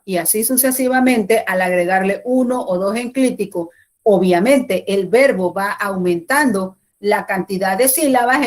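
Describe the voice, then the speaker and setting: A woman teacher explaining Spanish grammar rules in a class, going step by step and repeating the key points. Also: medium pitch.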